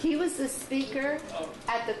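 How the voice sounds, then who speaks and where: A woman's voice: sits high, moderate pace. A woman hosting a seminar, introducing the guest speaker with a friendly anecdote. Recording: echoey room, noisy ambience.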